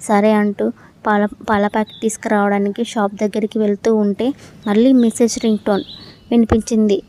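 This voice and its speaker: Female narrator for an audio story: mellow, even, steady first-person reading. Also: medium pitch, normal speed, a little hiss or hum.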